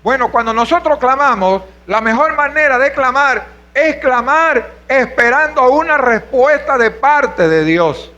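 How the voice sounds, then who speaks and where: A man's voice: extremely high pitch, measured pace, bright, forceful tone, lo-fi sound. A man from Venezuela preaching a sermon as pastor, asking rhetorical questions and calling out to the congregation. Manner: preaching with rhetorical questions, calls of hermano and aleluya.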